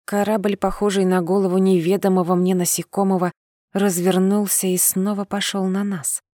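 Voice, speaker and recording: A woman narrates a first-person novel in a measured, steady voice, at a middle pitch for a woman. The recording is close and dry, with no room sound around it. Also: no echo. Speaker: audiobook narrator.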